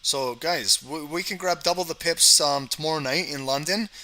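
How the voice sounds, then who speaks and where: Hosting a live trading stream, a Canadian man chats casually with viewers in the chat, tagging his lines with "okay" and "guys." His voice is on the high side, bright and forceful, at a normal speed.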